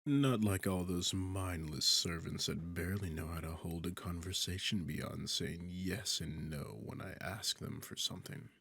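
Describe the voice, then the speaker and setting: A man's voice: low-pitched, fairly even intonation, measured pace, hardly any pauses, a bit bright, no room sound, full character voice. A man playing a sarcastic, seductive, arrogant demon king in an intimate ASMR fantasy roleplay, teasing and condescending as he talks. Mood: teasing, amused. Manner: sardonic, condescending, teasing, smooth-talking. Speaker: audio roleplay performer.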